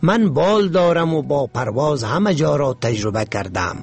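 Man playing a calm wise winged ant. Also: fairly high pitch, gravelly, breathy edge, heavily acted. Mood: warning.

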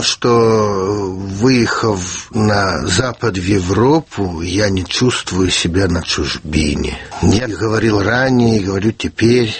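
A fifty-year-old man from the Soviet Union, a writer answering in a radio interview, speaking in a measured, reflective way with frequent hesitations. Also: lowish voice, husky, no room sound. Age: 50s. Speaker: guest writer.

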